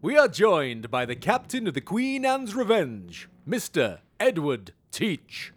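A jovial old sea dog hosting a pirate call-in show, voiced by a man. He draws his words out slowly in a high, lilting, swooping voice full of theatrical pirate talk. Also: wildly swooping pitch, heavily acted. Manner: theatrical pirate speech, drawn-out delivery, playful. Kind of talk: comedy skit acting.

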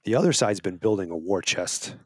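Man with a lowish voice, a podcast guest making his case earnestly, restarting his phrases, recorded dry. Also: expressive, fairly quick, breathy edge, no echo. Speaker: wildlife advocacy guest. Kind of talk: casual interview talk.

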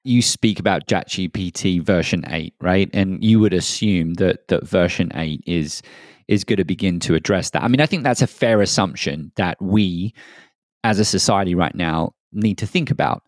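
A man's voice: sits low, dry recording, studio quality. A man co-hosting an education podcast, reflecting aloud in a thoughtful, conversational way. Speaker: podcast co-host.

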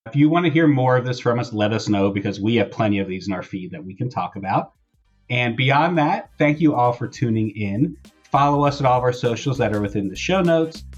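Wry and informal, a podcast host talks in a mid-range, expressive, husky voice at a brisk clip while faint music plays behind him. His wireless earbud microphone yields dull, lo-fi sound.

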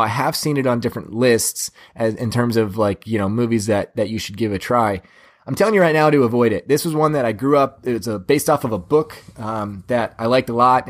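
Rambling young man hosting a podcast. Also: mid-range voice. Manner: rambling, many restarts and fillers. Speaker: podcast host. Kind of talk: casual chat.

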